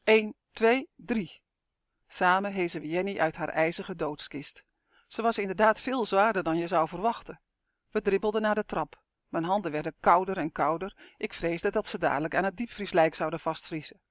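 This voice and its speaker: Steady audiobook narrator, dry close sound. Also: mid-range voice, no echo. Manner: steady, measured storytelling. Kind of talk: audiobook narration of a suspense novel.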